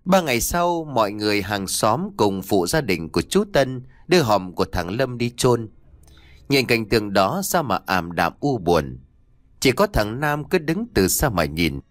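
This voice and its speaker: A man narrating a spoken story, his voice rising and falling in a lively, dramatic sweep. The recording is dry and close, with no room sound. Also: on the low side, unhurried, no room sound. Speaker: audiobook narrator.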